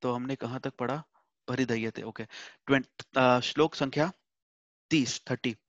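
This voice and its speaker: A man's voice: mid-range voice, steady tone, unhurried, fairly bright tone, no room sound, dull audio. A man teaching a Hindi scripture class online from home, explaining patiently, repeating points and mixing in English words.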